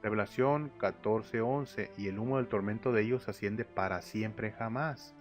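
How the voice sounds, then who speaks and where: A man teaches a narrated Bible slideshow lesson, reading verses aloud and then explaining them with fillers and restarts. His voice is fairly low and unhurried. The audio is lo-fi, with faint instrumental music in the background.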